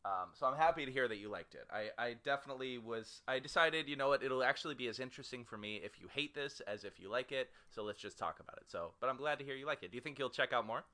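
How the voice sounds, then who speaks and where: A man co-hosting a casual podcast, recapping a show with quick asides and frequent laughter. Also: medium pitch, pushed and bright. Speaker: podcast co-host who picks the shows. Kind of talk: casual chat.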